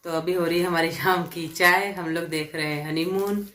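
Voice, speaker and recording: A woman's voice: fairly low pitch, fairly even intonation, moderate pace, a bit bright, a little hiss or hum. A woman co-hosting a family vlog at home, chatting casually about tea, cooking and chores. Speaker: vlogger, co-host. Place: living room at home.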